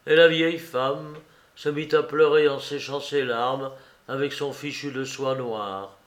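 Slow, measured male audiobook narrator. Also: medium pitch, steady tone, reverberant. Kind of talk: audiobook reading of literary prose.

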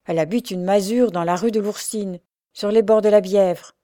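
Brief: earnest repentant young woman prisoner, read by a woman narrator; mellow, dry, audiobook. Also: mid-range voice, steady tone, moderate pace, dry recording, lightly acted. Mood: firm. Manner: fervent, pleading.

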